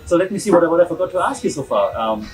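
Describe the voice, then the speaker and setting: A man's voice: a little high, sing-song, rapid-fire, distant mic, music in the background, low-quality recording. A man with a German accent hosting a podcast, chatting in a rambling way with frequent restarts and laughs. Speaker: podcast host. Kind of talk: casual interview chat.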